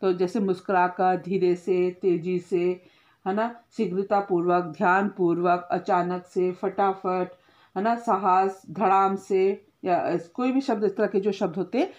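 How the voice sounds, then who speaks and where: A woman's voice: on the low side, a little mellow, dull audio. A woman teacher giving a grammar lesson to schoolchildren, explaining step by step, often checking in with a short tag question and correcting herself as she goes.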